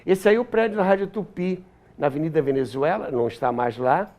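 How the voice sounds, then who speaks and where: The recording is muffled as an older Brazilian-accented man, a historian and author, reminisces in an interview. His fairly high voice moves briskly, though he sometimes stops to search for words.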